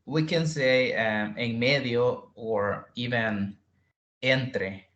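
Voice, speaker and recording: Male tutor, unhurried, repeats vocabulary, checks students; roomy echo. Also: mid-range voice, fairly bright tone, lo-fi sound. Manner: repeats words slowly, quizzes students. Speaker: English tutor. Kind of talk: online English lesson.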